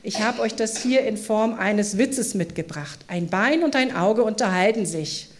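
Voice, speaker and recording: A woman's voice: mid-range voice, expressive, a little slow. Woman preaching a sermon. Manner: engaging, asks the congregation questions. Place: church service.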